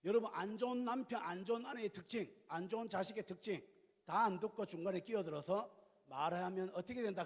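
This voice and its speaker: A male pastor in his fifties preaching a sermon, telling stories in a lively, colloquial way with questions to the congregation. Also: sits high, slightly rough. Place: church sanctuary. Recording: reverberant church hall.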